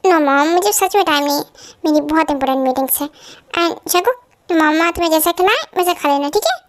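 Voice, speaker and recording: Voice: very high voice, animated, brisk. A performer voicing a cold, short-tempered young man who speaks in a curt, commanding way, in a fan-dubbed drama. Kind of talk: fan dub drama acting.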